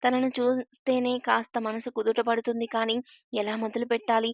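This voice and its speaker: A woman narrates a story in an even, scripted way. Her voice sits a little high and hardly rises or falls. The sound is dry and close, with no room around it. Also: normal speed, dry recording. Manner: steady, even reading of a first-person tale.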